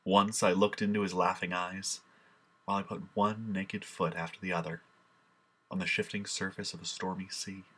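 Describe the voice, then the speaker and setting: A man's voice: deep voice, flat delivery, moderate pace, fairly bright tone, slightly rough. A man performing a solemn, impassioned first-person monologue as a grieving, remorseful apostle. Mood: sorrowful.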